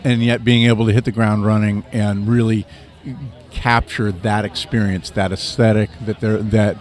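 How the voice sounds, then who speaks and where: A man's voice: lowish voice, flat delivery, moderate pace. A man hosting a casual interview, often ending his points with leading tag questions. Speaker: interview host.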